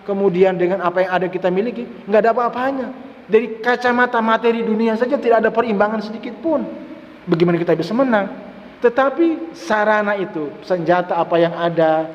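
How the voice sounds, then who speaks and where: Male preacher with a higher voice, emphatic and repetitive, recorded lo-fi in a reverberant mosque hall. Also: a little mellow. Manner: repeats words for emphasis, mixes in Arabic phrases. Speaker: Islamic preacher. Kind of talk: mosque study-session sermon. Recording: echoey mosque hall, dull lo-fi sound.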